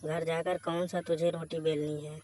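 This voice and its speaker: A man's voice: fairly high pitch, little pitch movement, normal speed, darkish tone, close to an everyday voice. A man voicing a bold, teasing young married woman in a read-aloud story, with a bossy manner.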